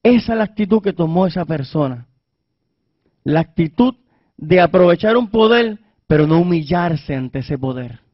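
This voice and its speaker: A man preaching a fervent sermon, his voice fairly high for a man. He swings from loud emphasis to hushed tones. The recording is dull and dry, lo-fi. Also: animated, normal speed, no room sound.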